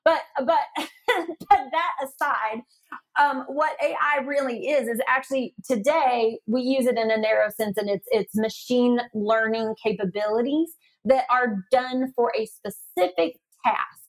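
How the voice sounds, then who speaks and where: A woman guest on a podcast interview who explains AI in a lively, chatty way, with lots of fillers and frequent laughter. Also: a little high, unhurried, low-quality recording. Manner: animated, laughs often, many fillers. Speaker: guest expert on AI.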